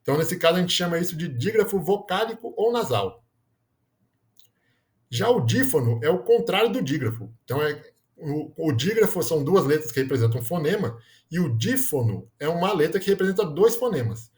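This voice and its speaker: Fairly high and sing-song, with a darkish tone, a man's voice moves at a fairly quick clip through a grammar lesson. The teacher tags his explanations with frequent "né?" checks and catches himself mid-word to fix errors.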